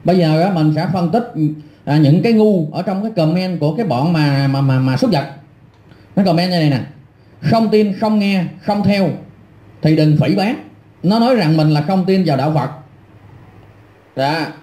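In an echoey, roomy space, a middle-aged online commentator rants angrily at his critics, hurling scornful insults and repeating himself. He talks a little fast, his high-sitting voice carrying a dark, mellow quality.

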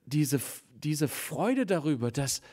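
A man preaching a Sunday morning sermon with a fairly high, very lively voice that leaps up in excitement and then drops to a hush. He acts out the people in his story as he goes. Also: slow. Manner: animated, swings between loud exclamations and hushed, quiet passages. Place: church.

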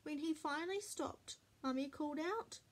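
A woman reading a children's picture book aloud as a storyteller, slow, clear and expressive. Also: high-pitched.

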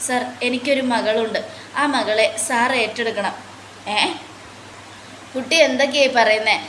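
A woman's voice: a little high, measured pace, a bit bright, a little hiss or hum. A woman voicing a dying mother pleading for her daughter. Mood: anguished. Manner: earnest, pleading retelling of dialogue. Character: gravely ill young mother, pleading and stern. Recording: roomy echo.

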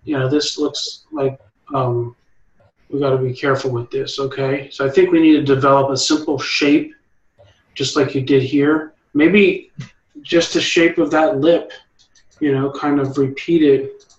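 A man's voice: mid-range voice, level tone, unhurried, roomy sound, highs cut off. A man leading an art meetup, giving encouraging critique and often restarting his sentences. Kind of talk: art critique, casual coaching.

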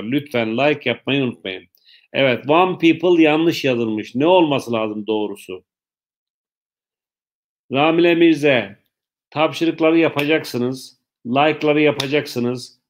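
A man teaching an English lesson live online to schoolchildren, greeting pupils by name and quizzing them with repeated questions. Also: mid-range voice. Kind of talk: live online class for children.

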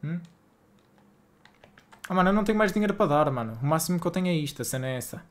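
Rapid-fire and expressive, this young man's high-leaning voice carries a northern Porto accent as he streams a game from his home setup. The talk is casual live-stream chat with viewers, slangy and exasperated.

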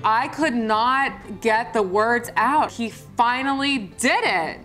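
A woman's voice: on the high side, slow pace, a bit bright, soft background music. A young woman from Germany in an interview for a wedding video, speaking in a heartfelt, emotional way. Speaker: bride. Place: living room by a fireplace, indoors.

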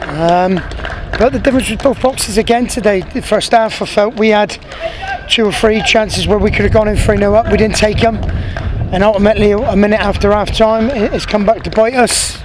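After a match, a thirties-aged football manager with an English accent talks frankly at normal speed in a post-match interview, repeating himself and restarting phrases. He's recorded pitchside at an outdoor stadium on a handheld interviewer mic in medium framing, with outdoor noise and passing traffic audible.

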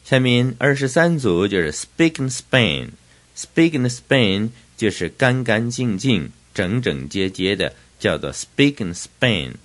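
An older man teaching English vocabulary in Chinese, spelling words out letter by letter and slowing down on each English term. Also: medium pitch, big pitch swings.

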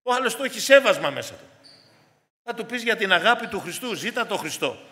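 A man's voice: high-pitched, sing-song, bright, forceful tone. A man preaching a sermon in an earnest way, often calling out to his congregation as dear brothers and sisters. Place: church hall. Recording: long hall reverb.

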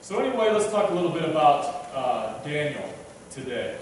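Speaking at a moderate pace, this man's voice sits on the high side and sounds very animated. He's a preacher in his thirties delivering a relaxed, conversational sermon, poking fun at himself and often restarting or using fillers as he trips over words. Filmed from afar via the pulpit microphone, the church sounds echoey, with slight background noise.

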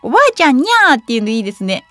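A young woman hosting a web radio show, reading quiz trivia aloud and reacting to it with quick giggles and chatty asides. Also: on the high side, no room sound, soft background music. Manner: lively, giggly, reads trivia then reacts.

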